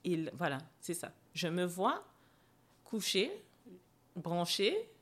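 A woman's voice: fairly low pitch, sing-song, takes it slowly, a bit bright. A young adult woman, a podcast guest, recounting a personal experience with hesitations, fillers and emotion. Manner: hesitant, frequent fillers and restarts. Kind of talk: personal storytelling in a podcast interview.

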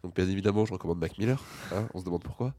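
Very low-voiced radio host. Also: male voice, very fast. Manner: relaxed, slangy, laughs easily. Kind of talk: casual radio chat.

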